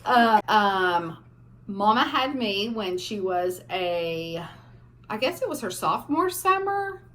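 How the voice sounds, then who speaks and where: Slow-talking woman telling stories. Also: medium pitch. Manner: animated storyteller, laughing through funny parts. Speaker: family vlogger. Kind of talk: casual storytelling.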